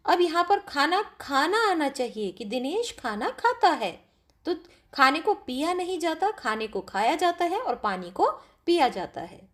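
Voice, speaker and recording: A woman's voice: sits high, fairly bright tone. A woman teacher explaining grammar to pupils step by step, often asking them questions. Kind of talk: classroom grammar lesson.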